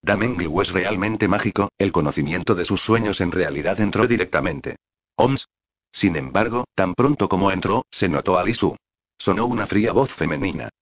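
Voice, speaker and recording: A man narrating a translated fantasy web novel in an even, steady reading voice. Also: deep voice, brisk, highs cut off. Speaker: audiobook narrator.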